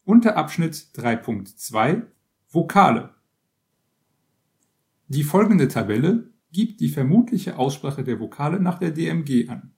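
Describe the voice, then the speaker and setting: Man reading a lively, steady list. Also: a little high, gravelly. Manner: measured, list-like reading with pauses. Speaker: reader. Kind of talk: scripted narration of an encyclopedia article.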